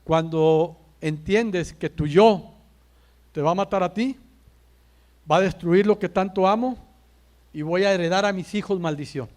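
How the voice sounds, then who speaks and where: A man, a pastor, preaching a sermon in church, building his points with rhetorical questions, emphatic pauses and repeated calls of "brother". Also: high voice, darkish tone. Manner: addresses listeners as brother.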